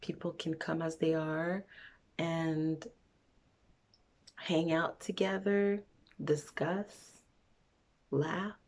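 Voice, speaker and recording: Extremely slow and full of pauses, this Montreal vlogger's low, darkish voice keeps a fairly even intonation. She's a young woman getting personal with her viewers, speaking candidly and wandering off on tangents.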